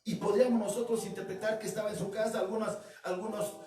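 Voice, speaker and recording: High-voiced pastor preaching in an echoey hall. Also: male voice, level tone, fast talker. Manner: emphatic, repetitive preaching that addresses the congregation directly. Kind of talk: sermon. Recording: echoey room, distant mic, music behind.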